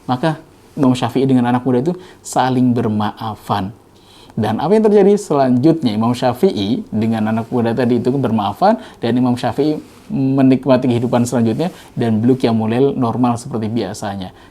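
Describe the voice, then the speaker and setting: Mellow-voiced man preaching gently. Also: mid-range voice, fairly quick. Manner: gentle, conversational preaching with lively storytelling. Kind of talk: Ramadan religious talk with storytelling.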